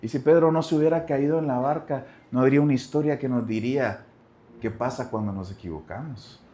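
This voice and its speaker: A man pastor preaching a sermon, dropping to soft low asides and rising to loud cries, talking straight to the congregation and repeating phrases. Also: a little fast.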